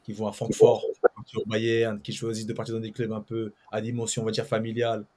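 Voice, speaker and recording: A man's voice: on the low side, completely flat delivery, quick pace, a little mellow. Man asking a long hesitant question. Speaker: co-host. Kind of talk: casual chat.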